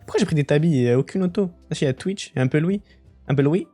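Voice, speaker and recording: A young man talks his way through a game on a live stream, relaxed and chatty, then breaks into excited outbursts. His voice sits a touch higher than most men's. Faint music plays quietly under his talk. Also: very fast. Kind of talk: casual live-stream commentary while gaming.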